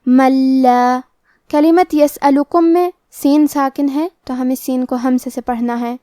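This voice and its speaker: A woman teaching a recitation lesson, explaining each rule and then reciting the words slowly and drawn out. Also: high voice, flat delivery, mellow, dry recording, clean studio sound. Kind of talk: tajweed lesson.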